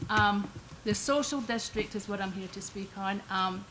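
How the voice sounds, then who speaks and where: An older woman with a Scottish accent speaks at a council meeting microphone. Her manner is chatty and folksy, and her voice sits at a middling pitch. A faint background hiss runs under her words. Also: moderate pace, sharp tone, poor audio. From Scotland. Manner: chatty, homely, lightly self-deprecating. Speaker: resident giving public comment. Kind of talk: public comment at a council meeting.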